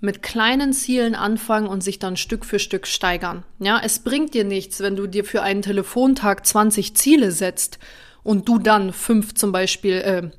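Energetic woman coaching sales. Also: mid-range voice, normal speed. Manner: energetic, direct, addresses listener as du. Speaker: podcast host, sales coach. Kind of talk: solo podcast coaching talk.

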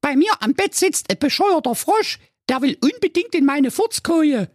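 A shrill bratty princess. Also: male voice, very animated, moderate pace, no room sound, clean studio sound. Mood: snippy. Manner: shrill squeaky falsetto, snippy and scornful. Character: bratty spoiled young princess, shrill and rude. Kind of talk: comic fairy-tale parody reading.

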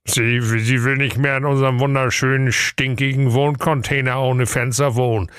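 In a comic audio fairy tale, a man voices a good-natured, henpecked excavator driver who is weary and exasperated, speaking in sing-song rhymes. His voice is mid-range, close to an everyday voice yet pitched above his own, with fairly even intonation at normal speed and a clear, resonant, fairly bright tone. The dry recording has clean studio sound.

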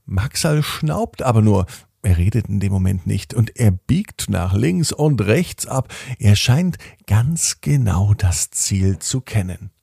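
A man reading a bedtime story aloud in a slow, gentle, expressive way. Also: on the low side, gravelly, husky, dry recording, clean studio sound.

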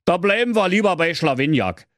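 A man voicing a fussy, excitable old fairy-tale king with a Berlin accent, talking high and shrill in a comic reading. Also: brisk, no echo, studio quality. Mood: outraged.

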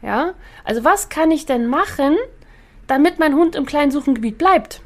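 A woman with a fairly high voice talks through a dog-training podcast episode. She keeps it loose and lively, tossing in quick "right?" check-ins and little laughs as she teaches. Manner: lively, chatty, asks "ja?" often and laughs between points. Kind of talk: casual spoken podcast lesson.

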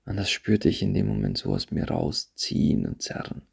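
A man hosting a podcast, talking reflectively to his listeners in a halting way and often repeating himself. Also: deep voice, very animated, vocal fry, a little mellow, breathy edge. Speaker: podcast host. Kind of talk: personal monologue to listeners. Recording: handheld phone, voice drifts off-mic at times.

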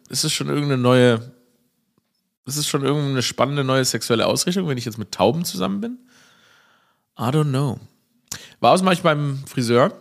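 A comedian with a mid-range voice and vocal fry rambles through a casual podcast monologue. He jokes, turns self-irony on himself and laughs at his own stories.

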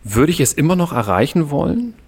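A man in a podcast conversation, calmly explaining ideas step by step as a guest coach. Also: on the high side, breathy edge. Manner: calm, explanatory, measured.

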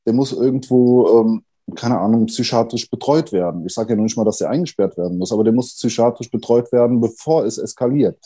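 A man in his thirties, a podcast guest, talking candidly and thoughtfully with many pauses and fillers. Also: medium pitch, warm tone, breathy edge. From Germany, Italian family. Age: 30s. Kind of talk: candid conversation.

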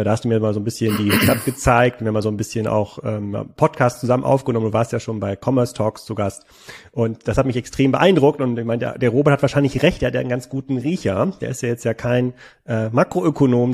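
A man's voice: medium pitch, darkish tone, slightly rough. A man hosting a business podcast, asking long, rambling questions in a conversational interview style. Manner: rambling, speeds up through long run-on questions. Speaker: podcast host.

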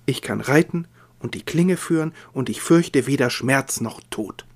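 A man reading aloud as a proud, defiant young noblewoman, his voice rising in pitch and force. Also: a little slow, darkish tone. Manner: impassioned, raised pitch and volume.

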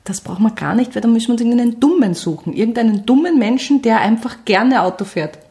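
A playful woman with an Austrian German accent improvises a comedy bit with her podcast partner. Her voice sits a little higher than most women's, and she laughs readily and pushes back on every point. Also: quick pace, dark tone. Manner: playful, laughs often, eager to argue.

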